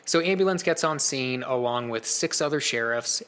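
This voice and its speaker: Bright-voiced man telling a story. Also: medium pitch, smooth. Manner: lively first-person storytelling with quick asides. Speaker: podcast co-host. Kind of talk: casual storytelling chat.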